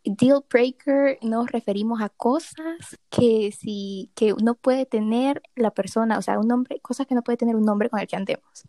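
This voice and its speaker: A woman's voice: on the high side, unhurried, few pauses, warm tone, no room sound. A young woman host, chatting playfully and tossing in English exclamations. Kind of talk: casual chat.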